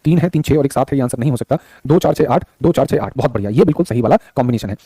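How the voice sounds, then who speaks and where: A man's voice: medium pitch, lively intonation, rapid-fire, dark tone, slightly rough, no echo. A male teacher running a live online exam-prep class on a studio mic, repeating points and calling his students son and brother. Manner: repetitive and affectionate, calls students son and brother; reads viewers' chat aloud. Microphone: studio microphone.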